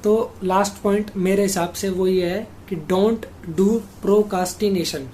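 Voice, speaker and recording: A man's voice: sits high, level tone, slow pace, mellow, slight background noise. A young man hosting a study-tips video, giving casual advice to students and speaking straight to viewers as he walks through numbered points.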